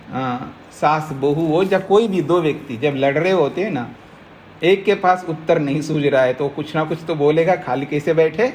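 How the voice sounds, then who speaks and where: A male teacher lectures on a philosophy text. His voice sits a touch high for a man, and he works through each point patiently, stopping to check that the class follows. A faint hiss runs under the talk. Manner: explains slowly, keeps checking the listeners follow. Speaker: teacher of Nyaya philosophy, swami. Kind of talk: Hindi scripture lecture to a class.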